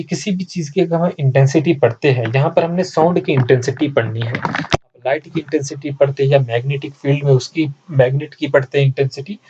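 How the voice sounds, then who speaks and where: A man's voice: mid-range voice, mellow, husky, lo-fi sound. A male teacher giving an exam-prep lecture, who repeats his points and asks and answers his own questions, with terms mixed in.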